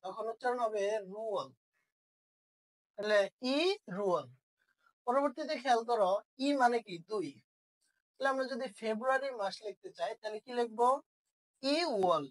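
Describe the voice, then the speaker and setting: A woman's voice: a little high, low-quality recording. A woman teaching an online language lesson, asking questions and answering them herself.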